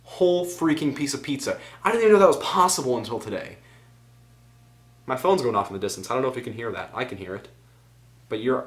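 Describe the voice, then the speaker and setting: A man's voice: lowish voice, a bit bright. Rambling teenage boy vlogging to camera. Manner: rambling, goes off on tangents, self-mocking. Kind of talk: casual vlog.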